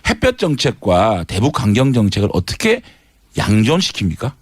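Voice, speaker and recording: A man's voice: lowish voice, wildly swooping pitch, normal speed, slightly rough, no room sound, clean studio sound, exaggerated voice. A man playing a needling debate candidate. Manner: pointed, needling questioning. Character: man speaking as a presidential candidate. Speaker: debate panelist. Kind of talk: mock debate role-play.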